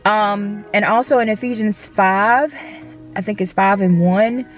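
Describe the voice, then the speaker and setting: A woman's voice: medium pitch, fairly even intonation, a little slow, soft background music. A young adult woman, sharing a personal faith story in a casual, conversational way with frequent restarts and fillers. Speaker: actress and faith vlogger.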